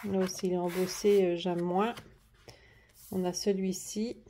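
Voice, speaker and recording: Chatty French woman with a mellow voice. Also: on the low side, little pitch movement, unhurried, a little hiss or hum. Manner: chatty, hesitant, many fillers and restarts. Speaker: craft haul vlogger. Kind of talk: casual show-and-tell vlog. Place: at home at a desk. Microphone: camera on the desk, moved closer and back.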